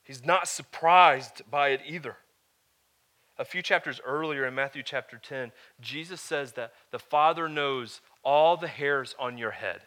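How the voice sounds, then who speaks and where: A man preaching a sermon to a live congregation, conversational, with joking asides, swinging from hushed to loud. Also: medium pitch, unhurried. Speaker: pastor.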